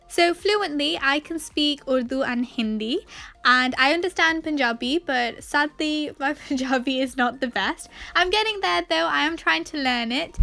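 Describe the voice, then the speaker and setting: A young woman speaks in a high-pitched voice. She is chatty and enthusiastic, leaning on words for emphasis as she answers questions in a casual vlog style. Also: sharp tone. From Pakistani background. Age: young adult. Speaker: vlogger.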